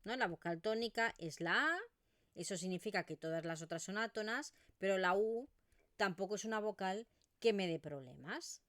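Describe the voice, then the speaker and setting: A woman's voice: medium pitch, animated, moderate pace, fairly bright tone, no echo, studio quality. A woman with an Eastern Catalan accent teaching pronunciation in an online video lesson, modelling vowel sounds as she explains.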